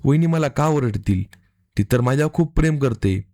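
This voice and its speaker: A man reading the lines of a nervous young woman who brushes off questions, in a steady storytelling voice. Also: medium pitch, moderate pace, dry recording, studio quality, natural voice. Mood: evasive.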